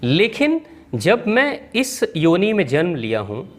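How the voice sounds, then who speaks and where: A man's voice: high voice, wildly swooping pitch, takes it slowly, pitched above the performer's own voice, heavily acted. A man voicing an old male guru, reborn as a piglet, who speaks in an earnest, reflective way within a spoken story.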